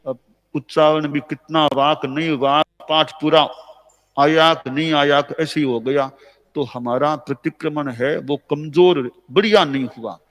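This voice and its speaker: A man with an Indian accent preaches in a plain, conversational way, circling back to the same points as he instructs. His voice sits a little high for a man. The sound carries a long reverb from a large hall. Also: steady tone. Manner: conversational, repetitive, gently instructive; slow measured chanting of recited verses. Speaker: Jain spiritual teacher. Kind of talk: sermon.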